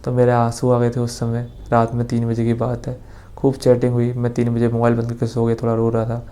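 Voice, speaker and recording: A man's voice: mid-range voice, monotone, a little fast, dark tone. Young man rambling through a story. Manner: rambling, many restarts and quoted dialogue. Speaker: vlogger. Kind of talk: casual personal storytelling.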